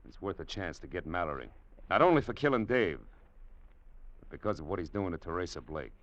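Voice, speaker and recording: A hard, wry gunslinger who narrates his own story. He speaks in clipped lines with a somewhat low voice. The sound is muffled, like an old radio broadcast. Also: animated, a little fast, fairly bright tone. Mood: tough. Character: hard, tough young gunslinger. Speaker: narrator and lead. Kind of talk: old-time radio drama acting. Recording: dull old radio recording.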